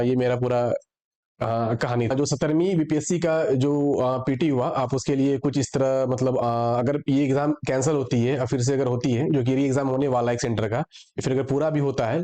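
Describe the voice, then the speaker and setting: A young man who is hoarse from a cold, calmly recounting his studies as a guest in a plain, methodical way with many filler pauses. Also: medium pitch. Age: young adult. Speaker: guest, successful exam candidate.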